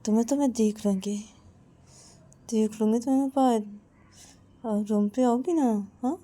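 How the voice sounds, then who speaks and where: A woman's voice: a little high, unhurried, dark tone, voice pushed up. A woman voicing a sulky, jealous young woman who mutters threats in a pouting way. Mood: muttered threats.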